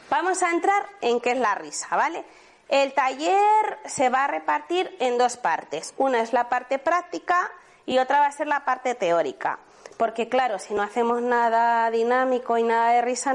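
High-voiced woman leading a workshop. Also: measured pace. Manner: lively, chatty, asks the audience many questions. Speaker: laughter therapy workshop leader. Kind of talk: live workshop talk to an audience. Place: room with a live audience.

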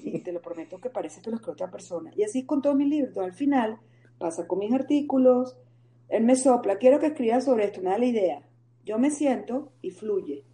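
A woman, telling her faith story in an animated interview and acting out the voices in it. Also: fairly high pitch. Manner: animated, storytelling, acts out quoted dialogue. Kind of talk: conversational interview.

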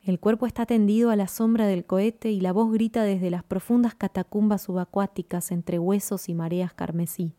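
A woman narrating a story in a measured, even reading. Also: mid-range voice, dry recording, studio quality.

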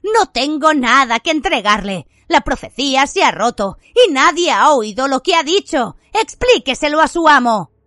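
A defiant teenage boy wizard voiced by a woman, shouting back in a raised, lively voice. He is mocking and stubborn in a dry, close storybook reading. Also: high-pitched, moderate pace, few pauses, no echo, pitched above the performer's own voice.

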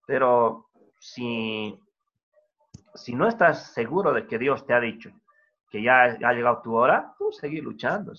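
A man's voice: mid-range voice, animated, measured pace. A man preaching a sermon in an earnest, conversational way, often adding tag questions. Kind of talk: sermon over video call. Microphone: video call. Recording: dull lo-fi video call audio.

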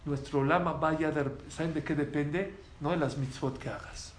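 A man doing a calm wise old rabbi. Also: fairly high pitch, normal speed, reverberant, slight background noise, natural voice. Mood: instructive.

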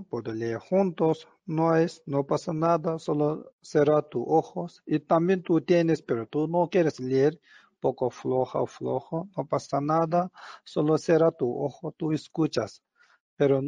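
Male meditation teacher, non-native Spanish with foreign accent; soft-toned, unhurried, halting delivery. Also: a little high, no echo. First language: not a native Spanish speaker. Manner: halting, broken grammar, often tags phrases with a questioning "no?".

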